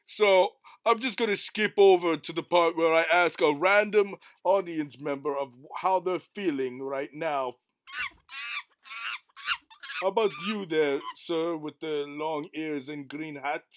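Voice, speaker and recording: A man's voice: a little high, a little slow, noisy background, natural voice. A man voicing a brash, showy race announcer hyping up a crowd.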